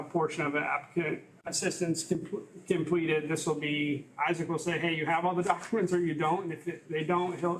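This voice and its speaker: A man's voice: a little high, slight background noise, poor audio. A man presenting a process document at a public board meeting, reading out checklist items in a casual way. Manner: runs through a checklist in a casual, flat tone. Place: meeting room.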